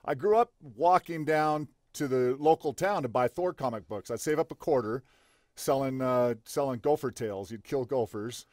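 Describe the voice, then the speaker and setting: Brief: excitable older male co-host, mid-pitched, dry close sound. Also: moderate pace, no room sound. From Idaho, US. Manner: excited and boisterous. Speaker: sports show co-host. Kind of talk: casual chat.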